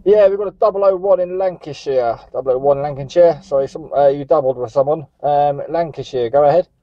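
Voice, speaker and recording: Another CB operator chats and calls out for contacts from a stationary vehicle on a seafront headland. His voice sits on the high side and moves briskly, with no echo, though the CB recording itself is dull and lo-fi.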